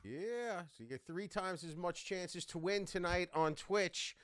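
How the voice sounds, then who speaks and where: A man co-hosting a live stream, greeting viewers by name and giving shout-outs in an upbeat, casual way. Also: high voice, a little slow, clear, resonant tone. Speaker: stream co-host.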